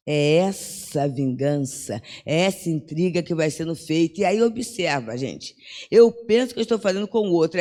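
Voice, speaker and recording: A woman's voice: fairly low pitch, a little mellow. An older woman giving a religious lecture, talking in a conversational way with frequent tag questions and acted-out bits of dialogue. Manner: conversational, peppers with "né?", acts out dialogue. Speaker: spiritist lecturer. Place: lecture hall at a spiritist center. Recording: long hall reverb.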